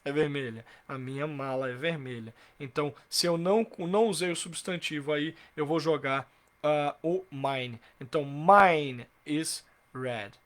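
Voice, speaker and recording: A man teaching a live online English grammar class, patiently explaining with many rhetorical questions and slowly repeating example sentences. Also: fairly high pitch.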